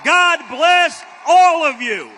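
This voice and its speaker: American man, rally speech, emphatic and exhorting, bright hard-edged voice, long venue reverb. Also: very high-pitched, animated, slow. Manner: emphatic, exhorting, building to shouted slogans. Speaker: speaker at a political rally. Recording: echoing large venue, faint crowd noise.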